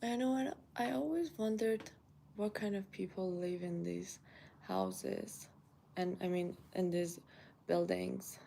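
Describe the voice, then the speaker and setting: A young Iranian woman with a Persian accent vlogs from her home kitchen, chatting casually with viewers and thinking aloud as she eats breakfast. Her mid-range voice is mellow and creaky, slow and steady in tone, with a slight hiss or hum in the audio.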